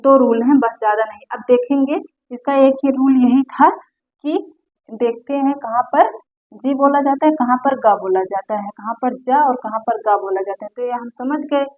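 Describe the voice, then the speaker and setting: A woman's voice: fairly high pitch, moderate pace, a little mellow. A woman teaching an online English pronunciation lesson, explaining rules patiently step by step. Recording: dull lo-fi sound.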